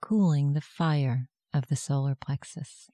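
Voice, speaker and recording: In a mid-range voice with no echo, a meditation guide reads a scripted guided meditation. The instructions are gentle, soft-spoken and measured.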